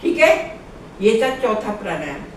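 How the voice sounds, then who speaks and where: A woman's voice: medium pitch, big pitch swings, moderate pace, a little hiss or hum. A woman yoga instructor patiently guiding viewers step by step through breathing exercises. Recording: very echoey room, far from mic.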